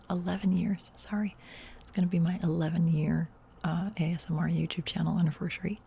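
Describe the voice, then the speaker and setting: A Dutch ASMR YouTuber from the Netherlands, a native Dutch speaker, does a whispered role-play in a low, gravelly whisper. She rambles chattily with many fillers, and a faint hiss or hum is audible.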